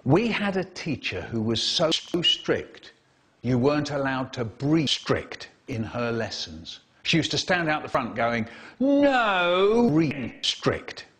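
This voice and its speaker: A man reading comic stories aloud in a very expressive way, making sound-effect noises and doing voices. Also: medium pitch, unhurried, husky. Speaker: storyteller. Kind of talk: animated comic story reading.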